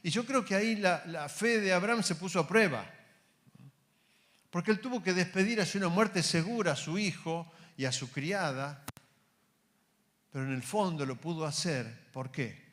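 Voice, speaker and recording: A man with an Argentine accent, preaching a sermon to his congregation. He calls them brothers, asks many rhetorical questions and drops to a soft, slow voice when quoting God. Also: high voice. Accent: Argentine Spanish.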